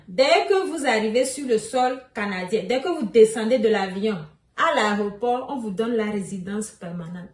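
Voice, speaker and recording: A woman explaining immigration news in a casual vlog, chatty and repeating key points, with a slightly crackly voice. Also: fairly high pitch. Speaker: immigration vlogger. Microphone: phone mic. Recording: echoey room, far from phone mic.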